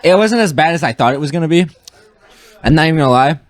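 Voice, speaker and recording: A man's voice: a little high, expressive, quick pace. Laid-back young man on a podcast. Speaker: podcast guest. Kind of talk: casual podcast banter.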